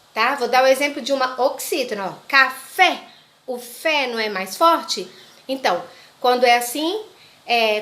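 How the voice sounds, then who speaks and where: A woman's voice: sits high, fairly bright tone. A woman teacher, giving a grammar lesson to children, patiently repeating examples and checking in often.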